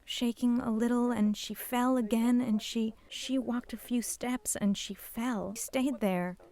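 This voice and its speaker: Older woman giving halting testimony. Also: a little high, dark tone. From Poland. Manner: halting, emotional, drops to whispers at painful moments. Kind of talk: personal testimony.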